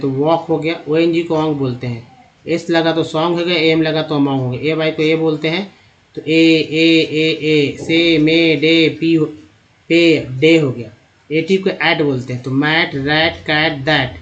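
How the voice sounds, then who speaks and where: A man teaching English reading in a slide lesson, breaking words into parts and repeating syllables. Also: fairly high pitch. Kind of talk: slide-based spelling lesson. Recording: dull lo-fi sound.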